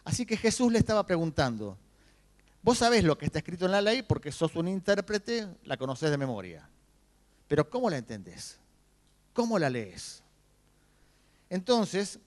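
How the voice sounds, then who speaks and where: A man's voice: sits high, big-room sound. A man, a pastor with a Rioplatense Spanish accent, preaching a sermon and acting out the voices of the people he quotes. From Argentina. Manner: animated preaching, voicing quoted speakers. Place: church.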